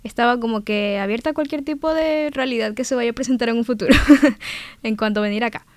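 A woman's voice: a little high, fairly quick, a little mellow, no room sound. A young Ecuadorian woman in her twenties, a cheerful exchange student who laughs often while answering radio interview questions. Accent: Ecuadorian Spanish. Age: 20s.

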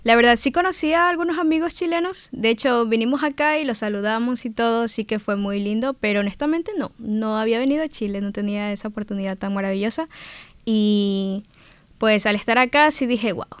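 Young woman w ecuadorian accent, bright cheery guest on a radio interview, smooth clear voice, fairly high, dry studio sound. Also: fairly quick, dry recording. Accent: Ecuadorian Spanish. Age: 20s. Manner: cheerful, laughs often. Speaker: guest, exchange student.

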